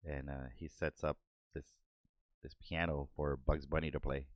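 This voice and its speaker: At normal speed and with flat delivery, a man with a very deep voice hosts a podcast, doodling as he chats casually. The artist laughs often and acts out cartoon bits, relaxed throughout, on a desk microphone. It's a dry recording.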